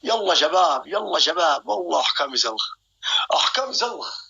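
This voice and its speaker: Playful high-voiced man streaming. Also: very animated, fairly quick, vocal fry, sharp tone, husky, highs cut off. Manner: playful, boastful, repetitive calling out to viewers. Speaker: live stream host. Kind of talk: live stream banter.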